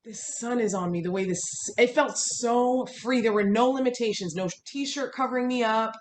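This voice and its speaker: A woman's voice: fairly high pitch, normal speed. Reflective woman coach in an echoey room. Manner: reflective, encouraging, asks long open questions. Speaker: interview host and fitness coach. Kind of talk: casual conversational interview. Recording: echoey room with faint background noise.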